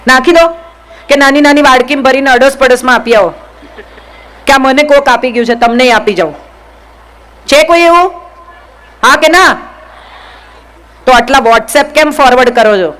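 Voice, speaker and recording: A woman's voice: high-pitched, moderate pace, long pauses, fairly bright tone, rough recording. A woman giving a motivational speech to an audience, speaking directly and firing questions at the listeners. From Gujarat, India.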